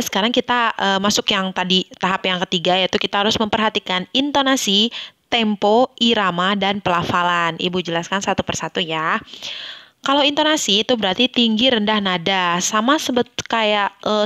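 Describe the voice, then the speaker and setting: A woman's voice: mid-range voice, a bit bright, no room sound. A woman teacher giving an elementary class lesson, patient and explanatory, often correcting herself as she goes. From Indonesia.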